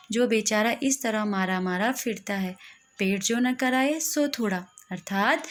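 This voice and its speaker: Woman, young adult, teacher, story lesson, reads then explains, slightly high voice. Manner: reads aloud then paraphrases, with frequent restarts.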